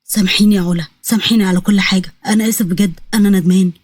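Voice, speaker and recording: A woman's voice: mid-range voice, steady tone, racing, darkish tone, breathy edge, dry recording, voice pushed down, lightly acted. A woman with an Egyptian accent voicing a scheming, greedy young male prince who taunts his rival. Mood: remorseful. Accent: Egyptian Arabic. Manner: taunting, smug.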